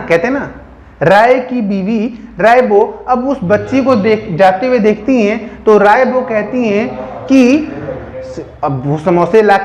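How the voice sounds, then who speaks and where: A man's voice: high-pitched, echoey room. A man teaching biology, telling a story as a memory trick and often asking questions that he answers himself. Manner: asks the listener questions and answers them himself; keeps checking in with "theek hai". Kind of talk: storytelling mnemonic lesson.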